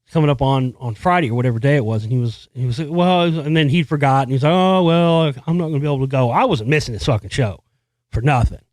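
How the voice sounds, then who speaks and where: A man's voice: medium pitch, fast, darkish tone, dry recording. A middle-aged man telling a long story on his podcast, rambling and profane, full of fillers and restarts. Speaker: podcast host. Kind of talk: casual storytelling monologue.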